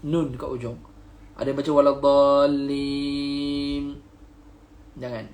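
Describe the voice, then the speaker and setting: A Malaysian man teaching Quran recitation live, patiently explaining pronunciation and chanting verses slowly. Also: fairly high pitch, roomy sound. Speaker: religious teacher.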